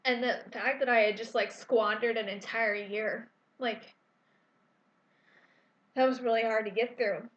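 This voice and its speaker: A woman's voice: fairly high pitch, steady tone, unhurried, long pauses, slight background noise. A woman in her twenties telling a personal story in a candid, emotional way, with many fillers and restarts. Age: 20s. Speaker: vlogger. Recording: echoey room, dull lo-fi sound.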